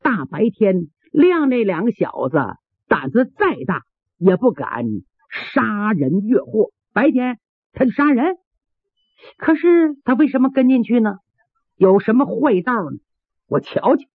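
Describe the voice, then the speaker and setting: A shrewd young martial artist, as a male storyteller puts him on, muses and questions himself. The husky voice leaps around in pitch. The sound is tinny and dry. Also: big pitch swings, a little slow, no echo, heavily acted. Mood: musing.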